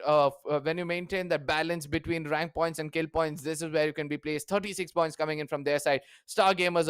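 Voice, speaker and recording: A young man casts a live esports tournament, reading out points and standings. His voice is crisp, smooth and a little high, and it sounds close and dry with no room around it. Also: no echo. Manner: reads out standings with filler words. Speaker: esports caster.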